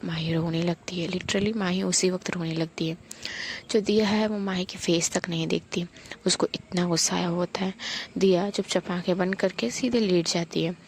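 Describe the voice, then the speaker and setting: A woman narrating a romantic audio story in a soft, intimate whisper. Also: fairly low pitch, a little hiss or hum.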